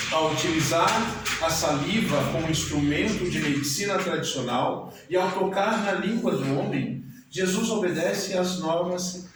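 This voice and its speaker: A man with a Brazilian Portuguese accent preaching a sermon in a slow, measured way with deliberate pauses. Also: fairly high pitch. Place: church hall. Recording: very echoey church from a distance, audible noise.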